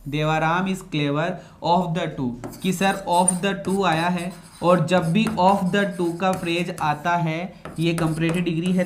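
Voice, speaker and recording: A man's voice: a little high, slight background noise. A man teaching English grammar in a classroom lecture, repeating key phrases and quizzing his students.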